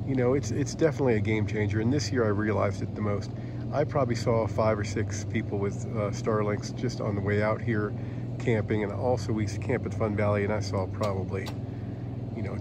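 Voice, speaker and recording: Rambling man filming outdoors with noise. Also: mid-range voice. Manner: relaxed, rambling, many fillers. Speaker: vlogger. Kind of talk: casual walkthrough narration. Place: outdoor mountain campsite. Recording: outdoor camera audio with clear background noise.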